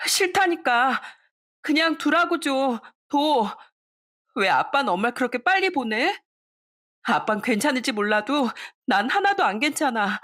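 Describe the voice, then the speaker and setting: A woman voicing a grieving seventeen-year-old girl who pleads, sobs and shouts. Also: high voice, big pitch swings, measured pace, pitched above the performer's own voice, full character voice. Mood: anguished shouting.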